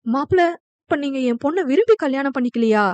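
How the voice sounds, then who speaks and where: A woman's voice: high voice, lively intonation, brisk, darkish tone, no echo, dull audio. A woman voicing an anxious middle-aged mother who speaks apologetically. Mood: apologetic. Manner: pleading, apologetic.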